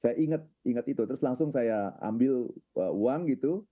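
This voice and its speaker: A man calmly telling a personal story, ending phrases with filler tags, in an unhurried, reflective way. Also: medium pitch. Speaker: guest speaker on his own channel. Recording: narrow phone-like sound.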